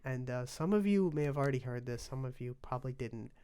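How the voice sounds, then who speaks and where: A man's voice: medium pitch, animated, fast talker, warm tone, clean tone. A young man co-hosting a casual podcast, telling a mock-serious story with lots of ums and restarts into a mic with a pop shield. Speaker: podcast co-host.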